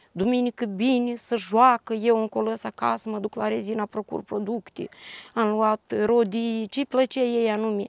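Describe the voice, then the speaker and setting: An older woman with a Moldovan Romanian accent, a grieving grandmother giving a halting, detailed personal testimony. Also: fairly high pitch, gravelly, no echo. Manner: halting, detailed retelling with restarts.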